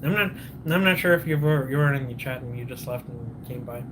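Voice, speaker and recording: A man's voice: mid-range voice, brisk, background noise. A man hosting a casual morning livestream, sipping coffee, greeting viewers and rambling, often losing his train of thought and restarting. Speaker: livestream host.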